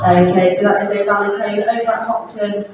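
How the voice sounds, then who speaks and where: Over an echoey PA at a big indoor holiday park hall, a bingo host makes live announcements to the players. She has a medium-pitched, steady voice and talks fairly quickly, heard from a distance with music playing underneath.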